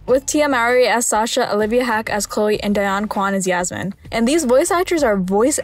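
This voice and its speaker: Wryly humorous woman narrating over soft music. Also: a little high, animated, moderate pace. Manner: dry, wry humour. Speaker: video essay narrator. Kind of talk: scripted commentary.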